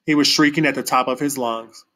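A man's voice: mid-range voice, fairly even intonation, bright, forceful tone, poor audio. Man reading a novel aloud. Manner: plain, unhurried reading with small slips and restarts. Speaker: reader.

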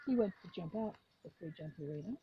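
A woman's voice: lowish voice, expressive, fast, lo-fi sound, slight background noise. A woman chatting casually and animatedly, using lots of fillers as she tells stories about her horse. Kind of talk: casual chat.

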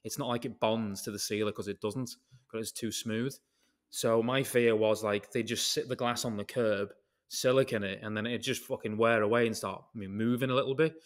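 A man's voice: fairly low pitch, steady tone, a little fast. A British man chatting casually on a podcast, telling stories in a rambling way that jumps between tangents and drops the odd swear word. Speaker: podcast guest, concrete craftsman. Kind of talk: casual chat.

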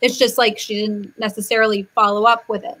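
A woman guest chatting casually on a panel, animated, with many fillers and restarts. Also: mid-range voice, brisk, poor audio. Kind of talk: casual chat.

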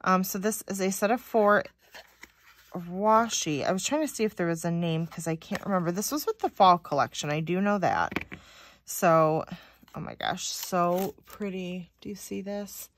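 Casual female haul vlogger, slightly low pitch, talkative with frequent filler words. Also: moderate pace, a little hiss or hum. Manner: chatty, reads sticker phrases aloud, many likes and ums. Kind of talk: casual unboxing chat.

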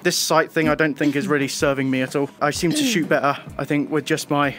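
A man's voice: a little high, fairly quick, music in the background. A man giving sweary, exasperated running commentary as he plays a horror game. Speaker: game streamer. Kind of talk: let's play commentary. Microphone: headset.

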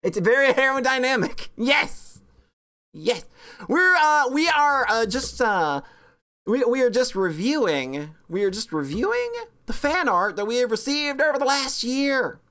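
Bubbly rambling woman streamer, lively pitch. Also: a little slow. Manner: bubbly, rambling, self-mocking, with sudden squeaky high bursts. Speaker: VTuber streamer. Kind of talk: casual stream chat reviewing fan art.

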